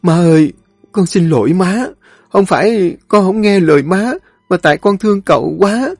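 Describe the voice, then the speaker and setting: A woman's voice: lowish voice, animated, moderate pace, darkish tone, dry recording, soft background music, pitched above the performer's own voice. Guy putting on a sobbing girl pleading with her mom, dry close sound. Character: tearful pleading young daughter.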